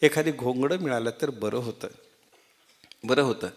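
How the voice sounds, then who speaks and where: A man voicing a gentle divine cowherd who asks softly and kindly for a blanket in a sermon story. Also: medium pitch, moderate pace, voice pushed down, close to an everyday voice. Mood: gentle request.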